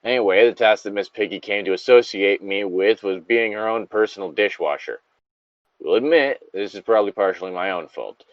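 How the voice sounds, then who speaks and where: His voice sits on the low side and moves a little fast, captured with dull audio and no echo. He's a podcast co-host reading a story aloud and commenting on it, chatting casually with free swearing and rambling asides.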